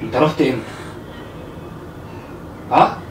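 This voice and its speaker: A man's voice: mid-range voice, normal speed, over music. A young man with an Egyptian accent, worriedly questioning and comforting his brother. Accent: Egyptian Arabic. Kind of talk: caught-off-guard conversation. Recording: distant roomy mic with room noise.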